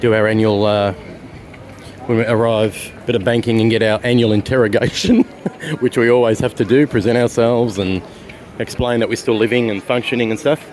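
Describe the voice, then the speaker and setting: On a walking tour through city streets, an Australian travel vlogger with an Australian accent chats and rambles casually, dropping fillers along the way. His voice sits at medium pitch, steady and darkish in tone at a normal speed, against background street noise.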